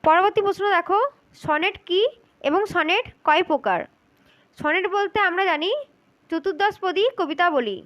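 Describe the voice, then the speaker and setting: A woman with a very high voice talks through exam answers as a spoken lesson. She works methodically, repeating each key point and speaking directly to the listener. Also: moderate pace, long pauses, a bit bright, muffled recording. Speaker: teacher for exam interview prep.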